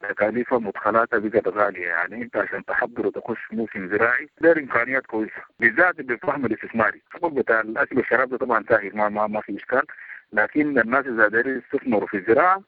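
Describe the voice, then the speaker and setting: A man with a Sudanese Arabic accent answers a radio host at great speed and in earnest. His voice is gravelly, and it comes through a tinny, dry phone line. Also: lowish voice, rapid-fire, dry recording. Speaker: radio guest.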